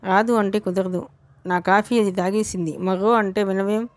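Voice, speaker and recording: Woman reading as a loud quarrelsome young woman. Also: mid-range voice, fairly even intonation, no echo, lightly acted. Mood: angry. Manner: fast, shouting complaints.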